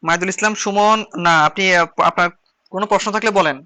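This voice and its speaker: A man's voice: sits high, fairly even intonation, fast talker, bright, forceful tone. A man with a Chittagong Bengali accent teaching an online shorthand class, explaining rules step by step and repeating key phrases as he writes on slides.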